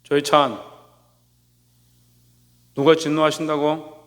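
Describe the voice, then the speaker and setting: Male pastor, higher-pitched voice, preaching; rhetorical questions, long church reverb. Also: level tone, slow, fairly bright tone. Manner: rhetorical questions, calls on listeners by name. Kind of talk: sermon. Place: church sanctuary.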